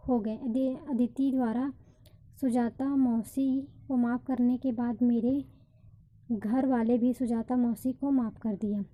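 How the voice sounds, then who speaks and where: A woman narrating a romance story in a slow, steady storytelling manner. Her voice is dark and mellow but sits fairly high in pitch. The pace stays unhurried throughout. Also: rough recording. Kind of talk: scripted narration.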